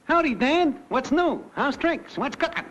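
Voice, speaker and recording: Playing a brash young newcomer to the afterlife, an American actor speaks in a very high-pitched, animated voice, a little slow, breezily telling his life story in wisecracking, idiom-packed slang. It's classic cartoon comic narration over a dull lo-fi soundtrack with loud music.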